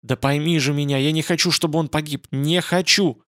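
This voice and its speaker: A man's voice: fairly high pitch, steady tone, fairly quick, a bit bright, dry recording, studio quality, natural voice. A man voicing a proud, fierce young woman held captive, urgent and commanding. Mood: pleading.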